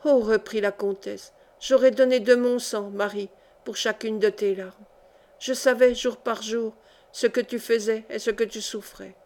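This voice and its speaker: A woman's voice: a little high, fairly even intonation, unhurried, darkish tone. A woman reading the part of a devoted noble countess speaking tenderly and fervently to her daughter in an audiobook. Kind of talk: audiobook reading of a historical novel.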